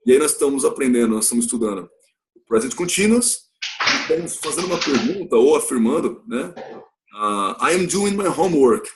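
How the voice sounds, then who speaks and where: A man from Brazil teaching an English lesson, explaining patiently, repeating phrases and checking in with his listeners. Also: noisy background. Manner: acts out example sentences with a raised pitch. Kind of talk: recorded classroom lesson.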